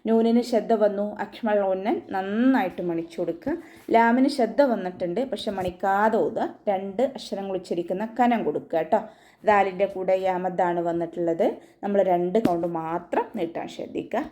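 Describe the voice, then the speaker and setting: A woman teaching Quran recitation rules in an online tajweed lesson, giving calm step-by-step instructions and often checking in with her listeners. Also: medium pitch, a little fast. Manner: calm step-by-step instruction with frequent tag questions.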